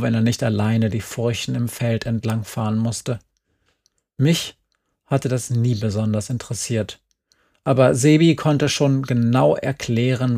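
A man reading a novel aloud in calm, subdued narration. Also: mid-range voice, creaky. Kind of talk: scripted audiobook narration.

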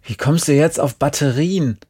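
A man's voice: a little high, moderate pace, breathy edge. A man reading the lines of a tough, brash teenage girl who talks bluntly and bossily. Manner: blunt, loud, bossy.

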